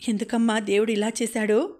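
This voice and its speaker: A woman's voice: fairly high pitch, flat delivery, a little fast, a little mellow, lightly acted. A woman reading the lines of a grieving elderly father in a choked, pleading way.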